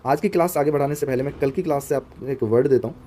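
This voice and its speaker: A man's voice: mid-range voice, fast, warm tone, slight background noise. A young man teaching a vocabulary lesson for exam students, conversational and spelling words out letter by letter. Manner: conversational, asks viewers to comment.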